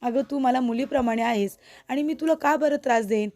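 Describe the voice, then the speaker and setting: Sweet-talking scheming mother-in-law, pleading, slightly high, read by a woman. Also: a little fast, warm tone, natural voice. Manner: pleading, sugary.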